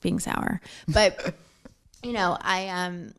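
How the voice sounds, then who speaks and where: A woman's voice: lowish voice, fairly even intonation, very slow, a bit bright. A woman as a podcast guest, talking casually and filling with "like" and "you know". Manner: chatty, fills with "like" and "you know". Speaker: interview guest, social media manager.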